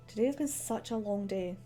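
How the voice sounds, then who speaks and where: A streamer from Scotland with a central belt accent chats casually on a livestream while drawing at her home desk. Her voice is a little high and mellow, and she rambles with plenty of fillers and laughs into a desk microphone, with faint music in the background.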